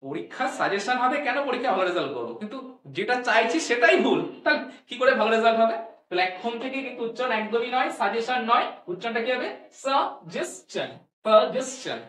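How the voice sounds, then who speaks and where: A woman teaching English pronunciation to students. She asks questions and answers them herself, and she repeats each sound slowly. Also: fairly high pitch, lively intonation, a bit bright, far from the mic. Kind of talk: classroom-style lesson. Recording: echoey room, voice from off-mic.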